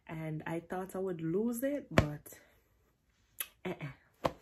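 A woman's voice: lowish voice, slow, heavy background noise. Laid-back Jamaican woman in her twenties. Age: 20s. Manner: relaxed, playful, drifts into patois. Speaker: vlogger. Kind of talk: casual Q&A vlog. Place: bedroom, indoors. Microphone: camera at close range.

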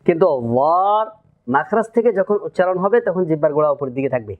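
Male Quran teacher, slightly high voice, patient drill-style delivery, muffled lo-fi recording. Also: lively intonation. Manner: explains step by step, drills letter sounds slowly. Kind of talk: Quran pronunciation lesson.

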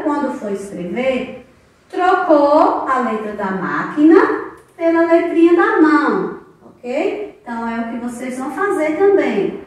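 Woman, preschool teacher, slow drawn-out syllables, very echoey room. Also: high-pitched. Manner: slow, sing-song teacher talk, drawing out syllables. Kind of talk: recorded children's lesson. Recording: very echoey room, distant mic, faint noise.

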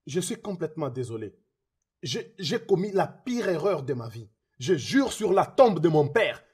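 A man's voice: fairly high pitch, sing-song, moderate pace, a little mellow, husky, heavily acted. A man dubbing a remorseful man who begs forgiveness, repeating his apologies and swearing oaths, in a French film dub. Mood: pleading.

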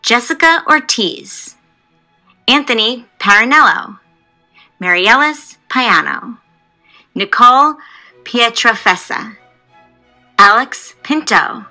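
A woman's voice: a little high, expressive, pushed and bright, soft background music, poor audio. A woman carefully reading a long list of honor society inductees' names. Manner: careful, deliberate name reading.

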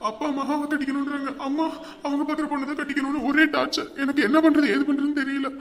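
A woman's voice: sits high, flat delivery, quick pace, natural voice. A woman playing a sulking young man in a comedy skit, whiny and complaining about his family. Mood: sulky. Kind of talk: village comedy skit acting.

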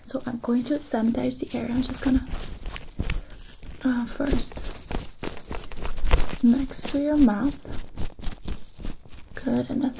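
A young woman in an ASMR role-play, playing a brisk, reassuring medic with soft, breathy, repetitive murmured patter. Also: sits high, steady tone, heavily acted. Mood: soothing, businesslike. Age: young adult. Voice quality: soft, breathy, often soft-spoken. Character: brisk, reassuring female medic doing procedures on a patient. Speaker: ASMR performer. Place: small indoor room. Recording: noisy close recording with clicking.

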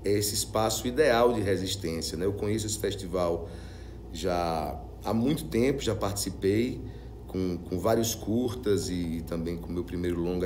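Low-voiced Brazilian man giving testimonial. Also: a little mellow, a little hiss or hum. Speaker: film director. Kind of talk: interview testimonial.

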